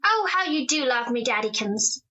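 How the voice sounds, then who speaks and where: A woman's voice: a little high, very animated, normal speed, bright, forceful tone, lo-fi sound. A woman acting in an old radio drama as a young daughter, affectionate and teasing with her father. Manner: affectionate, teasing, then pleading. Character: young woman Margaret, playful and clinging.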